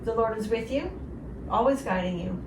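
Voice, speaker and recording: In a clearly noisy recording with roomy echo, a distant woman with a slightly high voice speaks at a moderate pace. She hosts devotional radio talk with a co-host, encouraging listeners gently and earnestly.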